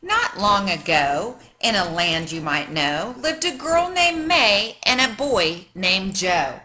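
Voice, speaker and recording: Speaking slowly at a medium pitch, a woman reads a children's picture book aloud like a teacher. Her storytelling is expressive and dramatic, aimed at young listeners.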